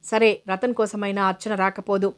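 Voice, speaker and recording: A woman's voice: mid-range voice, little pitch movement, moderate pace, natural voice. A woman reading the lines of a stern, impatient scheming woman in a storybook reading.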